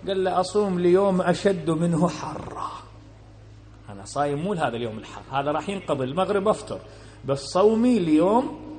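High-voiced Iraqi preacher, swinging loud and low. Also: male voice, expressive, fast talker. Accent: Iraqi Arabic. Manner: swings between loud emphatic bursts and low quiet asides; acts out the speakers in his story. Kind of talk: sermon with storytelling.

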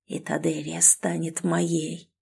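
A gloating werewolf villain, a grown man who is smug and cruel, voiced by a woman reading a story. His taunts come low and menacing, and the voice has a mellow, warm tone. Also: expressive, a little slow. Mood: eager whisper.

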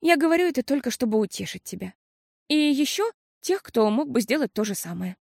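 A woman's voice: high voice, sing-song, a little fast, creaky, darkish tone, husky, dry recording, clean studio sound, voice pushed up, full character voice. Woman voicing a blunt, candid older sister. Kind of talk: audiobook character voice.

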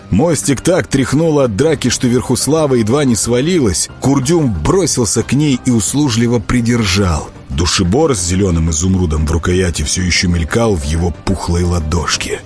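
A man narrating an audiobook in an expressive storytelling manner. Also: on the low side, normal speed, few pauses, soft background music. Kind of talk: scripted narration.

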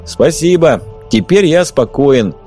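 A man voicing a calm, sarcastic blind male stalker in an audiobook, taunting and lecturing his companions and enemies. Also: medium pitch, normal speed, faint music behind, voice pushed up, close to an everyday voice. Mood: mock-polite. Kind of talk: audiobook character voice.

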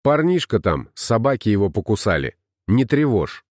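A man's voice: lowish voice, sing-song, moderate pace, a little mellow, no echo, clean studio sound. A man reading an audiobook, voicing a grim, red-haired wandering herbalist who speaks tersely. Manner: terse, curt.

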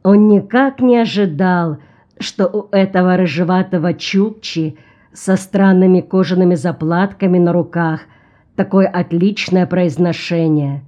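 A woman narrates an audiobook at an unhurried pace. Her tone is mellow and warm, and her reading stays even and measured. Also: fairly low pitch, muffled recording.

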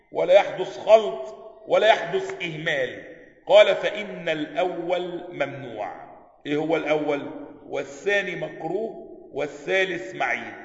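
Egyptian sheikh lecturing in an echoey hall. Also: male voice, high voice, bright, forceful tone. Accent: Egyptian Arabic. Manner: reads a passage then explains it, often checks students follow. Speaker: sheikh teaching Quranic sciences. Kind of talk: classroom lecture explaining a text. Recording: echoey hall, slightly dull sound.

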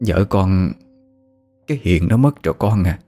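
A sorrowful mother gently and hesitantly tells her son hard news, as a male narrator voices her. The voice stays low and soft, with faint music underneath. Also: expressive, unhurried. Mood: gentle.

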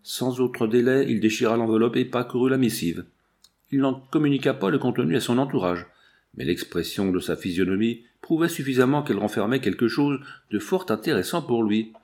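A man reading a novel aloud as an audiobook narrator, in steady, measured storytelling. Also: mid-range voice. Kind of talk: scripted narration.

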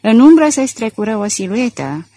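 A woman's voice: fairly high pitch, very animated, mellow, dry recording. A woman narrating a detective novel as an audiobook, reading expressively into a close mic.

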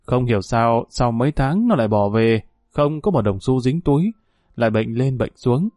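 A man's voice: medium pitch, expressive, normal speed, a little mellow, no echo, clean studio sound, lightly acted. A man voicing a poor, weary old man with a Northern Vietnamese accent, who talks in sighs and mournful tones. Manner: sighing, mournful talk.

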